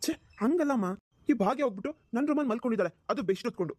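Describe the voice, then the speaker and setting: Woman doing a rapid-fire flustered cartoon husband, dry close sound, pleading. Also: fairly high pitch, expressive, darkish tone, slightly rough, dry recording. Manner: pleading, exasperated. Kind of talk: cartoon voice acting.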